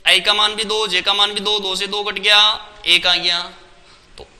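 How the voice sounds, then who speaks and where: A man's voice: high voice, flat delivery, a little slow, pushed and bright, long reverb tail. A man teaching a maths lesson step by step, asking questions and answering them himself.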